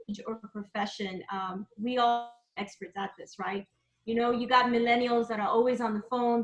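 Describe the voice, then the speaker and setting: A woman with a high, bright voice presents a live webinar and talks through her points casually, with plenty of ums and asides. Her voice comes over online meeting audio and rings with a roomy echo. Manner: conversational, loose with frequent ums and asides.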